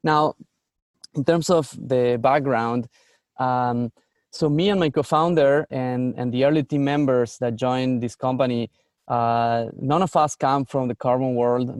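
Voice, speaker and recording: Earnest Argentine-born founder, dry sound. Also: male voice, medium pitch, a little mellow, no echo. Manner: earnest, many restarts and "uh" fillers. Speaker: startup founder. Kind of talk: interview answer.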